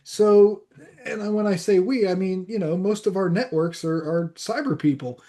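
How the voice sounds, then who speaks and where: A male podcast co-host with a notably high voice. He rambles cheerfully, restarts his sentences and breaks into giggles. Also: moderate pace, mellow. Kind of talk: casual chat.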